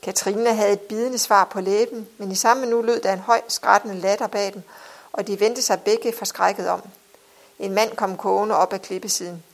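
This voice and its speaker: A woman narrating an audiobook in a measured, expressive reading style. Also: mid-range voice.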